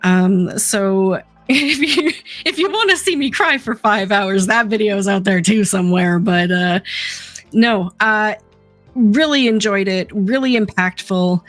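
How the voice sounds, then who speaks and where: A woman's voice: medium pitch, a little slow, no echo, faint music behind. A woman hosting a casual gaming podcast, chatty and self-deprecating, laughing often. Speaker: podcast co-host.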